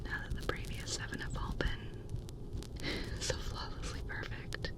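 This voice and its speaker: A woman softly whispering an ear cleaning ASMR whispered role-play as a gentle, reassuring ear clinician. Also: normal speed, rough recording.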